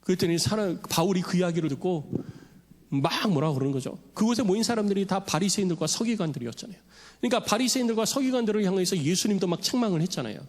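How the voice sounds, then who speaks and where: Animated preaching man in a reverberant hall. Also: high voice, fast talker. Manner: animated preaching, acts out quoted voices. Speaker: pastor. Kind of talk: sermon. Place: church sanctuary. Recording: long church hall reverb.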